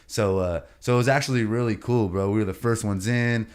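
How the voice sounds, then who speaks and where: This is a man with a deep voice chatting as a podcast guest, easygoing and full of slang. His tone comes across smooth and resonant, and he keeps checking in with his listener as he tells his stories. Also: steady tone, brisk. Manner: laid-back and slangy, fills talk with "you know what I mean" and "bro". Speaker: podcast guest, comedian and content creator. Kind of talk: casual storytelling chat.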